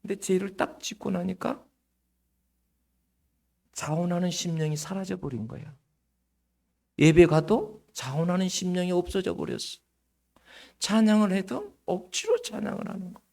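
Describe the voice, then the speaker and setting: A man preaching a sermon as pastor, asking the congregation direct questions and swinging between loud and hushed delivery. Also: high-pitched, animated, moderate pace, creaky, long pauses.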